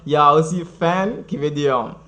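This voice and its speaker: Lively man teaching English on TV. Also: on the high side, normal speed. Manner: lively, laughing, switching between French and Bambara. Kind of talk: live TV language lesson.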